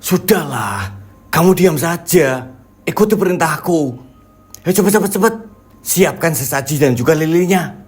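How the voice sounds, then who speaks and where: A man's voice: fairly high pitch, expressive, moderate pace, husky, pitched above the performer's own voice. A man voicing a stubborn, bossy village husband who gives impatient orders. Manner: impatient, commanding.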